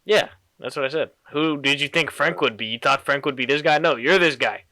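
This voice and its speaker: A young man hosting a casual chat, joking and laughing often, his voice jumping higher when he gets indignant. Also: brisk, no echo. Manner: animated, gets loud and high when indignant. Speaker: podcast host.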